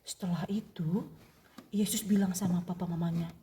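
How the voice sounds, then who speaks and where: Warm, expressive woman telling a children's story. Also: fairly low pitch. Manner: slow, expressive, addresses children directly. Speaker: religious sister teaching children's catechism.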